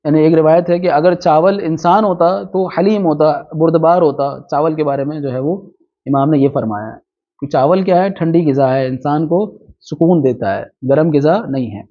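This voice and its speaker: A man teaching a religious lesson. He reads Arabic passages slowly, then explains them with quick asides and rhetorical questions. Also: on the high side. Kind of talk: hadith lecture, reading Arabic text and explaining it. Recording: dull lo-fi recording.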